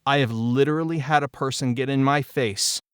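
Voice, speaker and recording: Here the audio drama's creator, a man in his forties, talks briskly about what happened behind the scenes in animated conversational storytelling. His medium-pitched voice is smooth, and he's candid and emphatic, leaning on repeated phrases; the studio sound is clean with no echo.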